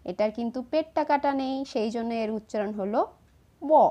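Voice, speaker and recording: A woman, slowly and patiently explaining each step of writing letters to children. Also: fairly high pitch, mellow. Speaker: teacher. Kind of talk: handwriting lesson for children.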